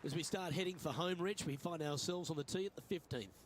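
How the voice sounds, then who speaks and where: A man's voice: on the high side, brisk, noisy background, close to an everyday voice. A man giving polished broadcast play-by-play commentary in a golf video game. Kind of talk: sports commentary.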